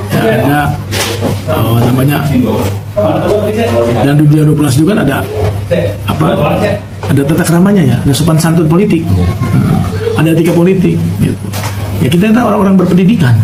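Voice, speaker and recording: A middle-aged man, explaining himself in a measured, word-searching way during a press interview. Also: fairly high pitch, creaky. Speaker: vice regent giving a press interview. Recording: echoey with loud ambient noise.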